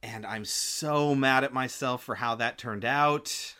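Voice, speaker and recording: Male film-podcast co-host: forward, bright tone, informal and keen, conversational. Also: mid-range voice, slow. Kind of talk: casual film review chat.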